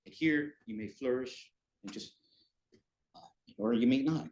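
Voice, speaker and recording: A man hosting a college talk, introducing the guest speaker in a warm, slightly halting way in a lecture room. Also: mid-range voice. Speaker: event host introducing the speaker.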